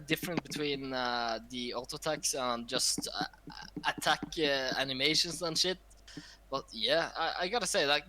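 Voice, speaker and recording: Man, bright slightly high voice, opinionated panelist in casual chat. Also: slight background noise. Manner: opinionated, loose, drawn-out phrasing. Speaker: talk show panelist.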